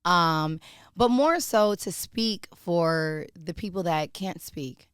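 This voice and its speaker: A woman guest speaks in a lowish, smooth and resonant voice, earnest and animated as she tells her story. The sound is dry and close, with no room echo. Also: takes it slowly. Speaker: actress guest. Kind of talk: casual interview talk.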